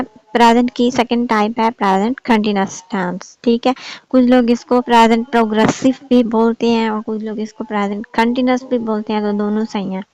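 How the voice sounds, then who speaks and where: A woman's voice: a little high, a little mellow, dry recording, poor audio. Woman teaching English grammar online. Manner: explains patiently, repeats "theek hai" often.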